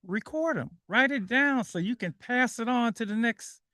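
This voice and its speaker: A man's voice: very high-pitched, animated, normal speed, sharp tone, no echo, studio quality. A man hosting a call-in radio show who talks with energy, repeats his phrases and laughs easily. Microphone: studio microphone.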